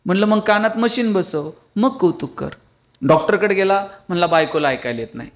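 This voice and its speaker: Speaking quickly with a high voice and lively intonation, this man is a public speaker giving a motivational talk. He mixes funny anecdotes with earnest pleas to the crowd.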